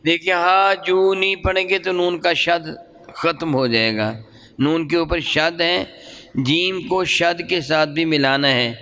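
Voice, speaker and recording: A man's voice: a little high, takes it slowly, pushed and bright, slight background noise. A man teaching Quran recitation in a class, drilling sounds and asking questions, then repeating the answers. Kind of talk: classroom lesson with call and response. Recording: long hall reverb.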